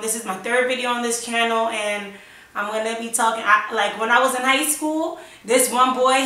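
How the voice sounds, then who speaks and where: Young woman vlogger, rambling storyteller, bright tone, distant and echoey. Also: on the high side. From United States, New York and Florida. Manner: rambling and chatty, lots of "like" and "yo". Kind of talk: casual storytime. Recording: echoey room, mic at a distance.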